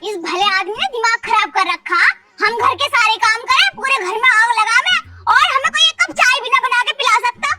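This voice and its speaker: A fed-up village mother who nags, threatens and complains about the housework, in a strikingly high, piping voice voiced by a young performer. She snaps out orders and grumbles without a break, and a loud music bed runs behind her. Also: a little fast, hardly any pauses. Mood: complaining. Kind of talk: comedy skit acting.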